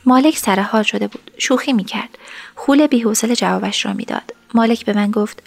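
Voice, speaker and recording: Soft-voiced woman narrating a story. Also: medium pitch, gravelly. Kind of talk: first-person scripted narration.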